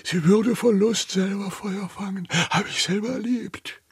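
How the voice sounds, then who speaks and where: A man voicing a shrill, trembling old shipowner. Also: fairly even intonation, a little slow, slightly rough, dry recording, studio quality, exaggerated voice. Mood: hushed. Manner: shrill, trembling, bigoted outbursts. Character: elderly irritable male retired shipowner.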